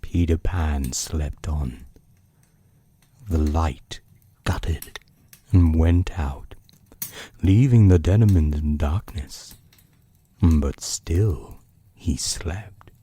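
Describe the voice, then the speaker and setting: A man with a husky, dark-toned bass voice hosts a storytelling podcast. He narrates from a script in the style of a bedtime story, using dramatic pauses and savouring his phrasing.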